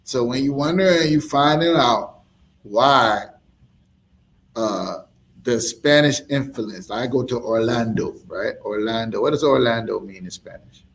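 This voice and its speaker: A man's voice: mid-range voice, a little slow, a little hiss or hum. A man teaching as a street preacher, emphatic and full of rhetorical questions, with laughing asides.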